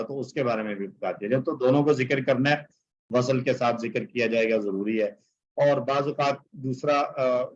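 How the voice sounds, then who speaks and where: Man, teacher, explanatory lecture, mid-pitched voice, many fillers, dull lo-fi online class audio. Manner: frequent filler phrases while explaining; recites Arabic verses, then translates them.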